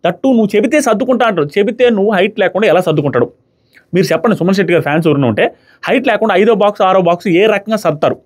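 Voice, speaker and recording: Rapid-fire high-voiced man ranting. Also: animated. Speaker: reality show reviewer. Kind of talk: opinionated review commentary.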